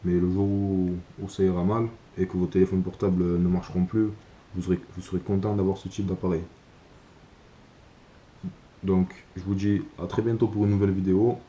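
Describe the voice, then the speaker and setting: A man presents an informal video monologue. His voice is low and very dark, with a soft-edged, mellow tone. He phrases things haltingly, as if working out each thought as he explains it. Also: little pitch movement, lo-fi sound. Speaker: video creator presenting survival gear.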